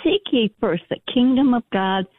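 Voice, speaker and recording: Gravelly-voiced woman calling in over the phone. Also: fairly high pitch, moderate pace, no echo. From Illinois. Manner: earnest, quotes scripture. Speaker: caller. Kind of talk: call-in radio question. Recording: tinny phone line.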